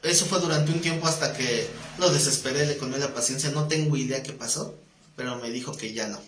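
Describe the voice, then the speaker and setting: A man's voice: medium pitch, a little fast, slight background noise. A man teaching a Bible class, telling an anecdote and acting out the dialogue. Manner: animated storyteller who acts out dialogue. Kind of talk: anecdotal live class talk. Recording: echoey room.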